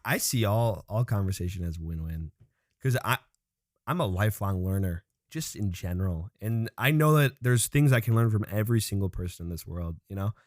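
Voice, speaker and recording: A man's voice: fairly low pitch, lively intonation, normal speed, no echo, clean studio sound. A man as a podcast guest, earnestly giving advice in casual conversation and restarting his phrases as he thinks.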